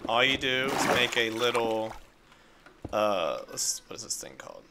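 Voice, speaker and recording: A man's voice: medium pitch, big pitch swings, measured pace, background noise. A man casually narrating a game-building tutorial step by step, upbeat and playful with little sound effects. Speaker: Minecraft video creator.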